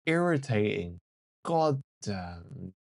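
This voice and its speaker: A man's voice: on the low side, very animated, drawn-out words, creaky, background noise. A man reviewing music as a reaction host, blunt and full of swearing and exasperated outbursts. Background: faint music playing.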